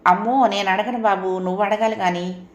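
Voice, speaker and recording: A woman's voice: mid-range voice, fairly even intonation, brisk, echoey room, lo-fi sound, lightly acted. A woman voicing a young wife in an audio story, curious and a little guarded.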